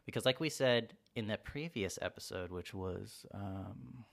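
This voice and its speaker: A man's voice: fairly low pitch, a little slow, vocal fry. A young man hosting a podcast, rambling through casual self-help advice and acting out short quoted exchanges in a raised voice. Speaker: podcast host.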